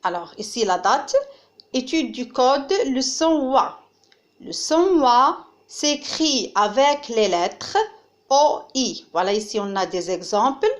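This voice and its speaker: A woman teaching a recorded phonics lesson to young children, speaking slowly and clearly and pointing to the words she explains. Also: fairly high pitch, animated. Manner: slow, clearly articulated, pointing things out. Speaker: primary school teacher.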